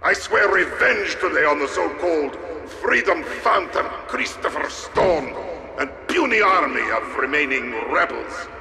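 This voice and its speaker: Game villain: vengeful Soviet military leader, pompous and threatening, very slow delivery, heavy reverb with music underneath. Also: male voice, a little high, animated, vocal fry, crowd noise. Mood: solemn, vengeful. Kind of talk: dramatic video game villain acting. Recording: echoing hall with long reverb, music behind.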